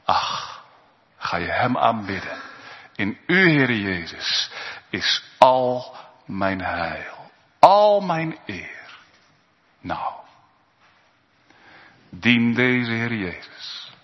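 Bewogen predikant in een galmende kerk. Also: male voice, mid-range voice, big pitch swings, extremely slow, pauses often. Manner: impassioned, swinging between loud appeals and hushed asides. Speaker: pastor. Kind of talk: sermon. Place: church. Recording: dull sound with long church reverb.

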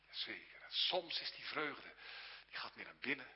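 A man preaching a sermon earnestly, shifting between hushed whispers and raised, exclaiming passages. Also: medium pitch, big pitch swings, moderate pace. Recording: dull sound with long hall reverb.

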